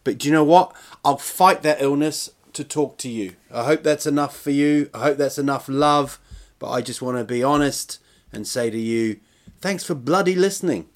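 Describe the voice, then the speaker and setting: A man's voice: mid-range voice, moderate pace. A man in his forties hosting a solo podcast in a casual, meandering way, hesitant, self-deprecating and prone to swearing. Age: 40s. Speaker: podcast host and touring comedian.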